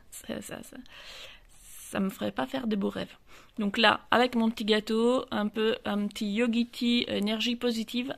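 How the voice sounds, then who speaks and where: Out on a terrace, a book vlogger chats casually about her books, hesitating often, using many fillers and restarting sentences while she talks with her hands. Her medium-pitched voice is a bit bright, with vocal fry.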